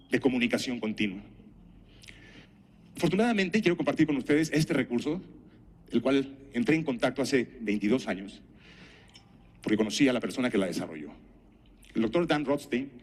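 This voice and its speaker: A man's voice: mid-range voice, breathy edge. A man giving a conference talk, telling anecdotes and putting rhetorical questions to the audience. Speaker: speaker at a conference.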